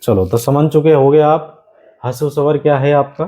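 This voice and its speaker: A man teaches an exam-prep grammar class, pacing out key phrases slowly and repeating them for students to copy while constantly saying "my friend." His pitch is fairly high, his intonation fairly even, his tone mellow, on a low-quality recording.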